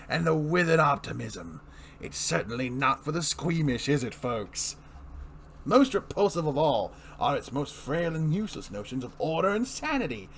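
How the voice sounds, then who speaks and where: A theatrical, mad clown villain from a comic book, acted out by a man. He taunts and mocks like a bitter fairground showman, with swooping, highish delivery. Light noise sits behind the voice. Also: creaky, a bit bright, exaggerated voice. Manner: grandiose showman delivery, mocking, swooping emphasis. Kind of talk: dramatic reading of comic book dialogue.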